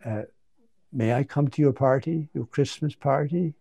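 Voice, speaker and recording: A man's voice: medium pitch, unhurried, creaky, dark tone, slightly rough. A man voicing a shy, lonely young male bunny who stammers timidly as he asks to join a party. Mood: timid hopeful.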